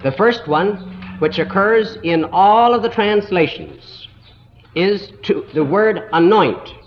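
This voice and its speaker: A man's voice: high voice, a little hiss or hum. Man teaching a Bible lesson on an old, dull tape. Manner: slow, deliberate, spells out words letter by letter. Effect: old recording. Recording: dull lo-fi 1960s tape recording.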